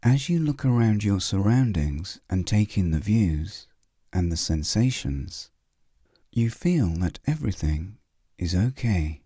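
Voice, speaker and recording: Male meditation guide, soothing and unhurried, dry close recording. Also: low voice, dark tone, slightly rough, no room sound. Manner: slow, soothing, with long pauses.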